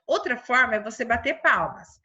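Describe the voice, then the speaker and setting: A woman with a Brazilian Portuguese accent teaching a remote lesson to young children, stretching words out slowly and asking them questions. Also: fairly high pitch, animated, pushed and bright, lo-fi sound. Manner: slow, syllable-stretching teacherly delivery. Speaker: primary school teacher.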